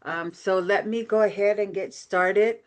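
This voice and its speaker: A woman's voice: medium pitch, fairly even intonation, a little slow. A woman from American Samoa giving an upbeat, conversational motivational training over a video call, with many fillers and repeated phrases. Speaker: team leader giving a training.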